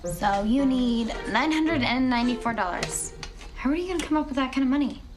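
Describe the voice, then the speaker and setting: A woman's voice: sits high, lively intonation, fairly quick. A young woman playing a sensible, wry teenage best friend in a television family comedy, matter-of-fact and dryly teasing. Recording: music clearly behind.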